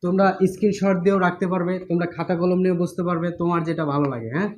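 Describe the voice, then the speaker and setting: A man's voice: high-pitched, steady tone, very fast, a little mellow. A man teaching an online exam-prep class in a casual lecturing style, repeating points and often checking that students follow.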